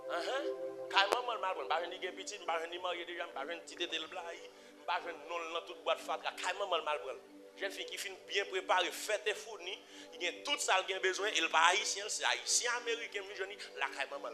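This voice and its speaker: A man with a Haitian accent preaching a sermon, repeating phrases and swinging from low murmurs to loud emphatic cries. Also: quick pace. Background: music.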